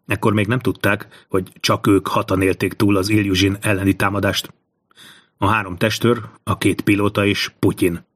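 A man narrating a thriller audiobook in a slow, measured reading. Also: fairly low pitch, little pitch movement, fairly bright tone.

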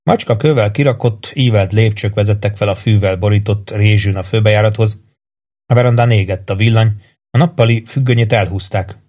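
Low-pitched guy reading an audiobook, steady and even. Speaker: audiobook narrator. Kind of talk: scripted narration.

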